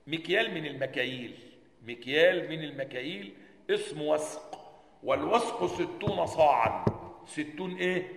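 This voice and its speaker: A man with an Egyptian accent teaching a religious lesson, animated, asking his listeners questions and answering them himself. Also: fairly high pitch, normal speed, gravelly. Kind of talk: classroom lesson explaining a hadith text. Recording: echoey hall with long reverb.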